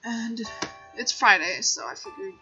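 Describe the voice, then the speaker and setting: With an unhurried pace and lively intonation, this woman streams games and talks casually to her audience in a scattered, self-deprecating way. Her voice sits on the high side, bright and forceful in tone, while background music runs under a dull lo-fi mic.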